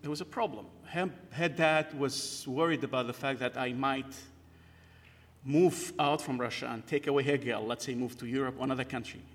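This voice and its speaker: Long reverb from the hall surrounds a middle-aged Kurdish man from northern Iraq as he shares his personal testimony in church. He speaks hesitantly at a moderate pace in a medium-pitched voice, with many fillers and restarts.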